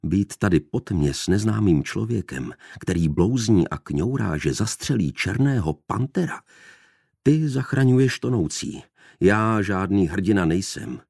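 Anxious serious young man, quiet and earnest, low voice, read by a man, dry sound. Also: expressive, vocal fry, no room sound, exaggerated voice. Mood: uneasy.

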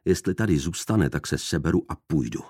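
An anxious, serious young man speaks quietly and earnestly in a low voice, as a male reader puts him on. The recording is close and dry. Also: lively intonation, slightly rough, dry recording, exaggerated voice. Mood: uneasy.

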